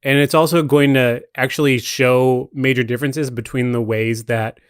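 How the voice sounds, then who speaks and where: A man with a mid-pitched, clear, resonant voice chats casually about movies on a podcast. His tone stays steady at normal speed, and the sound is dry, with very little room echo.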